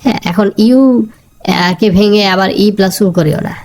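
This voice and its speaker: A woman's voice: mid-range voice, normal speed, a little mellow. Woman teaching a grammar lesson. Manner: repeats key sounds, asks students questions.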